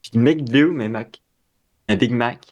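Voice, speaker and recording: A man's voice: mid-range voice, takes it slowly, lo-fi sound. Rambling Québécois guy, easygoing. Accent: Québécois French. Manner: rambling, self-correcting, slangy. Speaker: podcast co-host. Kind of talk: casual chat.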